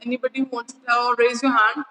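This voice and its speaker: An Indian woman teaching an online class in a high, bright voice, talking in an unhurried way. She mixes Hindi and English and keeps checking that her pupils follow her. Her voice rings with a long reverb, as though she is in a bare room. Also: little pitch movement.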